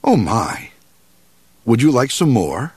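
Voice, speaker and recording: A man's voice: mid-range voice, big pitch swings, slow, darkish tone, husky, no echo, heavily acted. A man voicing a fussy, anxious cook who craves praise for his food, reading a storybook aloud. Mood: eager. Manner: fretful, eager to please.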